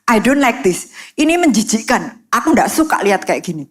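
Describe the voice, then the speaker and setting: A woman's voice: on the high side, big pitch swings, moderate pace. A woman voicing a stern roommate in her late twenties, barking harsh reproaches in English and Indonesian. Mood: scolding.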